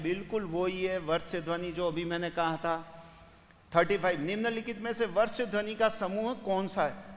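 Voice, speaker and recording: A man's voice: high-pitched, big-room sound. A man teaching grammar for an exam, explaining step by step and putting students' questions to himself. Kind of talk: exam-prep lecture solving questions.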